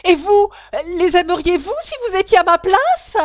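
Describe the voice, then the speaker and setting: A woman's voice: very high voice, expressive, normal speed, pitched above the performer's own voice. A woman voicing an indignant little mouse in a storybook reading, with a piercing, angry voice.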